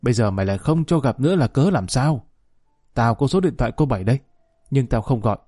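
A man's voice: medium pitch, animated, fast talker, warm tone, dry recording, studio quality, close to an everyday voice. A man voicing a stern old male war veteran in an audio story, blunt and scolding, his voice raised above his narration.

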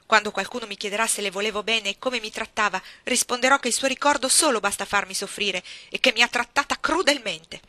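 A woman's voice: high voice, fairly even intonation, normal speed, few pauses, pushed and bright, no room sound, pitched above the performer's own voice. A woman voicing an angry, trembling young girl who speaks in passionate, outraged outbursts. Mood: indignant.

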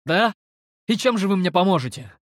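A man voicing a desperate young man who shouts and pleads, strained and pitched up. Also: animated, moderate pace, no room sound, clean studio sound. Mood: alarmed. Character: desperate young man fighting a being in his mind.

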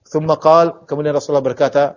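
A man, an Islamic teacher, giving a religious study lecture as animated storytelling with sudden emphatic bursts, often pausing on filler words and restarting phrases. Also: a little high. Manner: frequent filler "ya" and halting restarts. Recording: dull lo-fi lecture recording.

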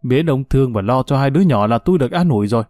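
A man doing a quietly hurt grandmother. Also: mid-range voice, lively intonation, racing, no room sound, studio quality, natural voice. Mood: resigned.

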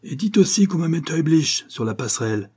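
A man's voice: on the high side, animated, fairly quick, husky, pitched above the performer's own voice. A man voicing a stern male ship captain who barks orders in a raised voice. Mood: urgent. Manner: barking orders, raised and forceful.

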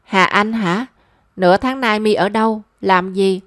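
Lady doing a cheeky loud girlfriend, teasing, dry close sound. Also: medium pitch, a little slow, dry recording, close to an everyday voice. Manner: teasing, brash. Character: cheeky, loud young woman friend.

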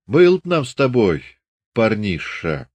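A man's voice: on the low side, big pitch swings, takes it slowly, dry recording, muffled recording, exaggerated voice. Man doing a bewildered young Cossack. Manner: bewildered, protesting. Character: puzzled, cautious young Cossack man, elder brother.

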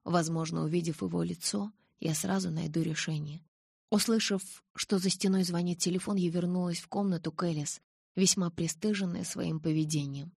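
A woman reading a first-person novel aloud as an audiobook narrator, with expressive storytelling. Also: fairly low pitch, normal speed, gravelly, breathy edge, dry recording, clean studio sound.

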